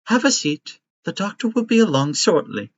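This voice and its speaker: A man voicing a sweet, motherly caretaker robot nurse in a tabletop game, talking high and chirpy with doting care. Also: animated, moderate pace. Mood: polite, obedient. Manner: high, chirpy and over-attentive. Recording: dry, slightly muffled audio.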